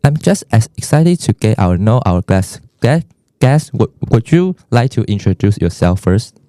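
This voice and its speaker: A man's voice: lowish voice, big pitch swings, normal speed, dark tone, dry recording. A teenage boy from Taiwan co-hosting a school podcast, reading a script with small stumbles. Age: teens. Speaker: co-host.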